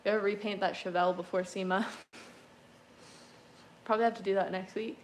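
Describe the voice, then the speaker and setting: A woman's voice: mid-range voice, fairly even intonation, moderate pace, a little hiss or hum. A woman in her twenties, a car restoration creator answering livestream chat in a chatty, easygoing way with frequent laughs. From Canada. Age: 20s. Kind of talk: casual livestream Q&A reading chat.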